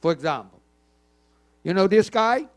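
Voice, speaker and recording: This older keynote speaker has a high, animated voice and talks at normal speed. Emphatic in the conference hall, he questions the audience and often says words more than once.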